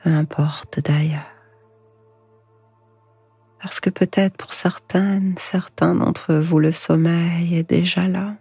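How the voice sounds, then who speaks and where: A woman guiding sleep hypnosis in a hushed, breathy, soothing voice, slow and whispered right in the listener's ear. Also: on the low side, steady tone. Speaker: hypnosis guide. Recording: echoing voice over music. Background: music.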